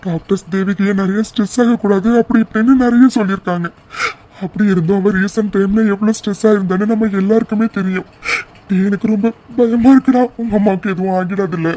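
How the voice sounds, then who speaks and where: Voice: medium pitch, steady tone, quick pace, warm tone, lightly acted. Someone doing a worried, regretful father. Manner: anxious, regretful, explaining himself. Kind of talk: cartoon voice acting.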